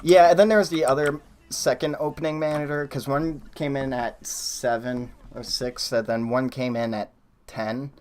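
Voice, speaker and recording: A man on a live stream rambles through a long story in a casual voice with a middling pitch, filling it with likes and false starts. Faint room hiss and keyboard typing sit behind him. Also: steady tone, normal speed, darkish tone. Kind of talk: casual chat while building a coaster in a game.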